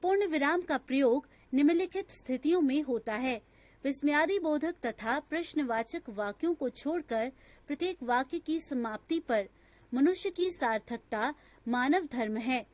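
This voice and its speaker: A woman narrating a scripted grammar lesson in a slow, measured, textbook-style reading. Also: sits high, lively intonation, darkish tone, no room sound.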